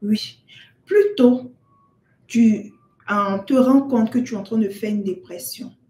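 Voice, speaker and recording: Woman, parenting vlogger, earnest direct advice, slightly high voice, roomy echo. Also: takes it slowly, a little mellow. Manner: earnest, addresses the listener as "tu" and "maman". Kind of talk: direct-to-camera advice talk.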